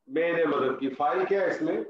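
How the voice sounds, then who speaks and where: A man teaching Arabic grammar over a call, his voice pitched high and patient as he repeats each example. The audio is dull and roomy. A faint noise runs underneath. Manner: patient, drills students with repeated example sentences. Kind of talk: online class teaching. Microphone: online call audio.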